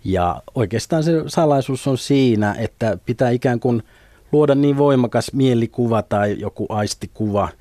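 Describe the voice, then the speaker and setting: A middle-aged man, a lucid dreaming instructor, explaining things in a relaxed way on a radio talk show and chuckling now and then. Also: mid-range voice, no echo, clean studio sound. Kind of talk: radio studio conversation. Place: radio studio.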